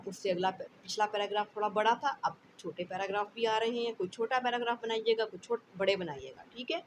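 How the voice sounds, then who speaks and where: A woman's voice: medium pitch, a little hiss or hum, low-quality recording. A woman teacher reading a text aloud and explaining it line by line, checking in with her class as she goes. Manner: explains line by line, often adds "theek hai". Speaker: school teacher.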